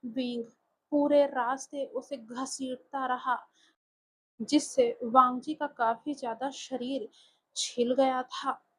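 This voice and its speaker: A woman narrating a dark fan fiction horror story with slow, deliberate delivery. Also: high-pitched, fairly even intonation, rough recording.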